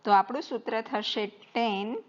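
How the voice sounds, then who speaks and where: Slow, patient woman teaching math. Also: a little high, dull audio. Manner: slow, patient, spells out terms letter by letter. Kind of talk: board-writing math lesson.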